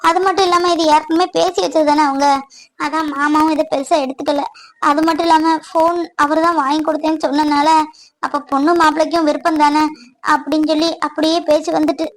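A woman's voice: high voice, level tone, a little fast, close to an everyday voice, low-quality recording. A woman voicing a caring married young woman who earnestly reassures and advises a friend.

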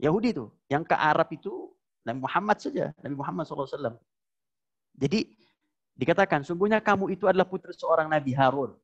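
Male preacher, fairly high voice, animated storytelling lecture that plays the quotes out, on a dull lo-fi recording. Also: fast talker. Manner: storytelling, acts out quoted lines with sharp pitch jumps; addresses the audience directly as "Bapak Ibu". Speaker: Islamic preacher. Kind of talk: religious lecture.

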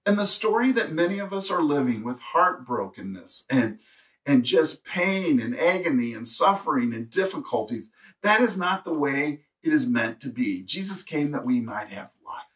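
A man's voice: a little high, very animated, normal speed, a bit bright, recorded from a distance. Earnest male pastor preaching from afar. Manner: earnest preaching, reads scripture aloud, rises to emphatic peaks. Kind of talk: sermon.

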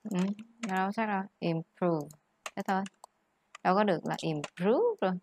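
A woman's voice: mid-range voice, fairly even intonation, very fast, a little hiss or hum. A woman teaching English, patiently explaining word stress and mixing English words into her explanations. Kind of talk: tutoring lesson on word stress.

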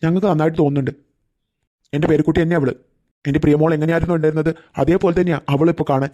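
A man's voice: fairly high pitch, steady tone, very fast, warm tone, lightly acted. An actor voicing a kindly, protective old grandfather in a cartoon, firm and reassuring. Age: older.

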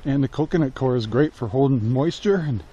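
Here a sixty-something American homesteader talks a little fast, his medium-pitched voice warm and husky through muffled audio. Rambling and relaxed, he fills a casual how-to vlog with "uh"s while holding the camera at arm's length outdoors in the yard and inside a greenhouse.

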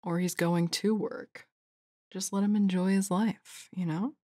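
A woman's voice: medium pitch, fairly even intonation, measured pace, dark tone, no room sound. A woman co-hosting a podcast in casual chat, with a teasing, dry manner. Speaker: podcast co-host.

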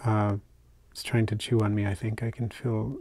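An older man casually narrating a hobby vlog as he unpacks and shows his isopod purchases, talking in a relaxed, chatty way with fillers and soft asides. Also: lowish voice, normal speed, no room sound. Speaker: isopod keeper unboxing purchases. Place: indoors at a table, hands on camera.

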